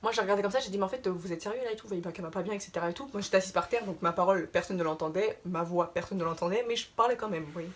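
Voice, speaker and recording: A young adult woman casually telling a story to her viewers, chatty and animated, piling on filler tags as she retells what happened. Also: mid-range voice, very fast, few pauses. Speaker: vlogger.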